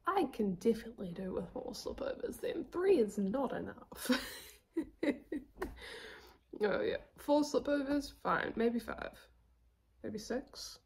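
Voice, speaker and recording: A young woman with a southern New Zealand accent, chatting casually about her knitting projects, self-deprecating and quick to laugh. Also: a little high, lively intonation, a little mellow, husky. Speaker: knitting podcast host.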